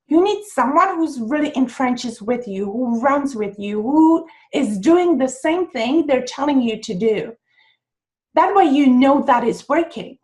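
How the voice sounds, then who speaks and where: A woman in her thirties from the Czech Republic with a Czech accent, coaching online business in an enthusiastic sales pitch to a webcam at home. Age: 30s. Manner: upbeat, emphatic, pitch jumping on key words.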